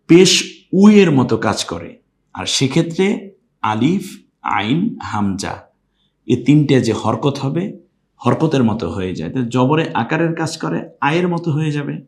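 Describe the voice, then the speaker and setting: A man teaching Quran recitation, patiently spelling out letters and vowel marks one by one, then breaking into long drawn-out melodic chanting of the verse. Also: medium pitch, gravelly. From Bangladesh. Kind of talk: step-by-step recitation lesson.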